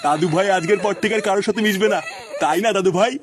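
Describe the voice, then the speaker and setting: A man as high-voiced, doting old grandfather. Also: fast, shouting, background noise, close to an everyday voice. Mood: soothing. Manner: coaxing, consoling. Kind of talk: comedy cartoon skit acting.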